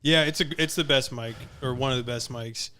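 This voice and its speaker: Smooth-voiced man telling a story. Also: mid-range voice, a little fast. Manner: animated storyteller, acts out quoted dialogue. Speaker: comedian guest. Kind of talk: casual storytelling.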